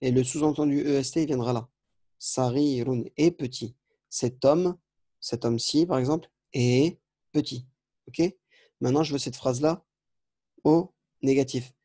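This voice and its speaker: A man with a dark, mellow voice walks through a grammar lesson, explaining each step patiently. He often repeats himself and stops to correct small slips. The sound is close and dry, with no room around it. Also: mid-range voice, normal speed, no room sound. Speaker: Arabic grammar teacher. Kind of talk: recorded lesson correcting exercises.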